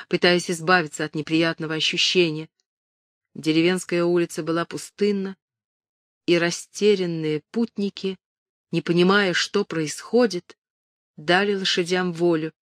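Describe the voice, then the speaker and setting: A woman reading a historical novel aloud in steady, measured narration. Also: fairly low pitch, no room sound, studio quality. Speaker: audiobook narrator. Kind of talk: scripted narration.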